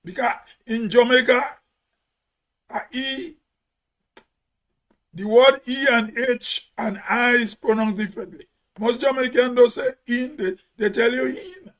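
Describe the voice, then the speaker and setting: A man's voice: extremely high pitch, steady tone, measured pace, pauses often. A Grenadian man giving a spoken commentary in an emphatic, preachy way, as if on radio.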